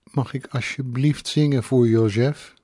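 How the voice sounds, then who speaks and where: A man's voice: mid-range voice, fairly even intonation, a little slow, mellow, slightly rough, no echo, studio quality. A man voicing a drunk, tearful young woman singer who pleads in a whiny, raised voice. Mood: pleading.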